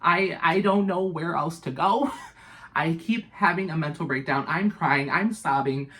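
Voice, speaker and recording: A young woman with a notably low voice, telling a wild storytime in a loose, profane, dramatic way. She piles on fillers and asides as she goes. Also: a little slow, a bit bright. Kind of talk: casual storytime.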